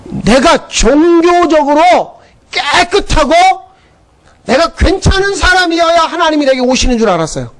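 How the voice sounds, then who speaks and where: A male pastor with an unusually high voice delivers a Sunday sermon. He tells scripture as a story, dropping into quoted lines and swinging his tone up and down to act out the characters. He sounds middle-aged and speaks with a preacher's storytelling drive. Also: sing-song, normal speed. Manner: storytelling preacher who acts out biblical dialogue in shifting voices.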